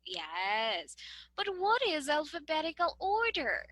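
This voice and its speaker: A woman's voice: high voice, wildly swooping pitch, takes it slowly, fairly bright tone, dry recording, rough recording. A woman with a Filipino English accent giving a classroom demonstration lesson, patiently guiding students with questions and light laughs. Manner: patient, guiding questions with frequent okay and right. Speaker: teacher.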